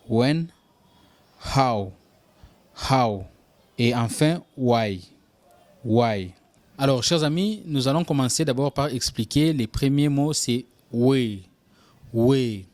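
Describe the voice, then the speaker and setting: A man giving a language lesson, slowly repeating each example phrase with care. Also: medium pitch, darkish tone, dry recording. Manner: slow, careful repetition of example phrases. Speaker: English teacher.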